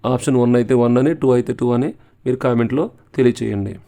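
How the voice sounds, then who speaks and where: A man with a Telugu accent teaching English pronunciation, explaining patiently and repeating example words slowly. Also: mid-range voice, gravelly, mellow. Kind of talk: explanatory lesson.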